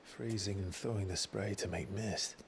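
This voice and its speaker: An actor playing a brooding young male warrior in a video game, speaking in a low, measured, terse way. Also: steady tone.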